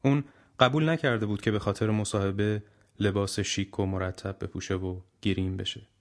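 Low-voiced man narrating an audiobook. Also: steady tone.

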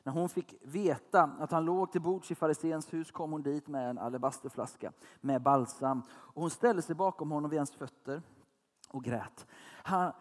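A man's voice: on the high side, long reverb tail. A man in his thirties preaching a casual, conversational sermon, often asking his listeners if they follow. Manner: chatty, asks listeners questions.

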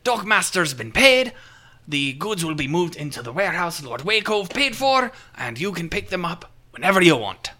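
A man doing a booming pirate captain. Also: very animated, normal speed, bright, forceful tone, heavily acted. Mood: jovial. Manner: booming, hearty sea-dog bluster. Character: loud gruff male pirate ship captain.

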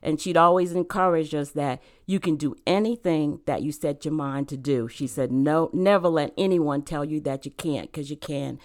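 Appearing as a guest in a relaxed interview, this author and church member, raised in Rhode Island, shares her faith sincerely. She speaks in a low register at an ordinary pace, pausing only a little.

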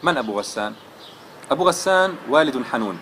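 Fast-talking man telling a moral story. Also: mid-range voice, lively intonation, fairly bright tone, slight background noise. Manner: earnest, dramatic storytelling. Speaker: religious lecturer. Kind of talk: storytelling religious lesson.

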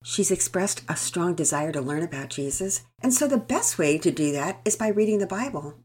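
A woman voicing a gentle, patient mother who speaks in a soft, polite, measured way. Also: fairly low pitch, expressive, husky. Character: gentle, patient mother, calm under pressure.

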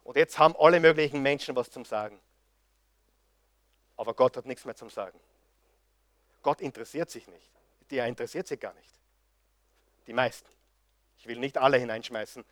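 A man's voice: medium pitch, a bit bright, no echo, clean studio sound. A man preaching a sermon, impassioned and firing rhetorical questions at his audience.

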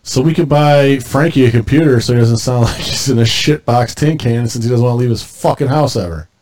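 A man with a medium-pitched voice hosts a casual podcast. He talks in crude, joking banter, swearing freely. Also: brisk, darkish tone, a little hiss or hum. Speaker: podcast host. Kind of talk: casual banter and sign-off patter.

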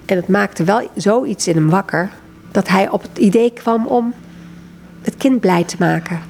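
A woman's voice: a little slow, creaky, slight background noise. A woman, country coordinator of a prayer group, reads a story aloud expressively and then talks about books, hesitating often when speaking freely. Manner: reads expressively, lively pitch in quoted lines.

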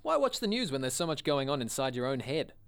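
A man's voice: medium pitch, very animated, quick pace, vocal fry, clean tone. A man playing a glib, callous doctor co-hosting a parody radio show, with a breezy, pompous presenter delivery. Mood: breezy, smug.

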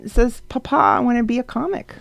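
Interview host, attentive, laughs along, mid-pitched voice, dry close sound. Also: a little fast, creaky, fairly bright tone, no room sound.

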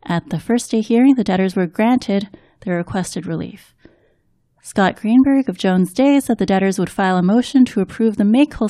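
A woman co-hosting a podcast, reading scripted financial news in a measured, even way. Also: medium pitch, no room sound, clean studio sound. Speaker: co-host and news reader.

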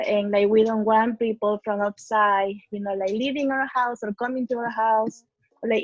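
A woman's voice: a little high, no echo, dull audio. A young woman from Peru, a guest speaking earnestly in a casual discussion and using many fillers. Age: young adult.

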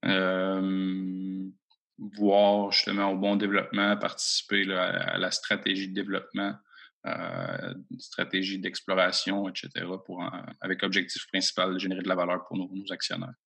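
A mining company executive from Abitibi-Témiscamingue, Quebec, answers interview questions about his company from home, speaking with a Québécois French accent. His low voice has vocal fry and a bright, forceful tone, yet his delivery is completely flat at a moderate pace, hesitant and full of fillers.

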